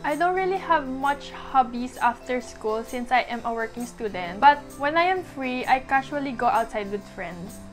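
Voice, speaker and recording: Young woman with a high voice. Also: lively intonation, normal speed, faint music behind. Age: 20s. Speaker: interviewee. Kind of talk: recorded self-introduction.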